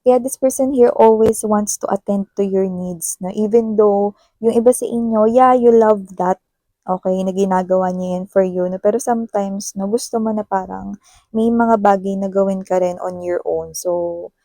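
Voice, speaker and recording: Woman tarot reader, mellow and warm, dry close sound, chatty. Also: fairly even intonation, moderate pace, dry recording. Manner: chatty, tags sentences with "no?"; acts out a partner's scolding in a higher voice. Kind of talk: casual tarot reading to viewers.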